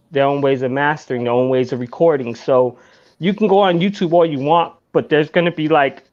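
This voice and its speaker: A man's voice: on the high side, lo-fi sound. A man hosting a podcast in casual chat, laid-back and swearing freely. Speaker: podcast host.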